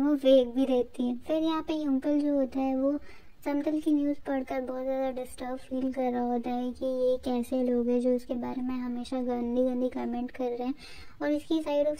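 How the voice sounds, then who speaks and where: A woman with a high, mellow voice retells a drama's plot scene by scene. She keeps it chatty and informal, slipping English words in as she goes. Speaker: drama recap narrator. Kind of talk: casual storytelling recap.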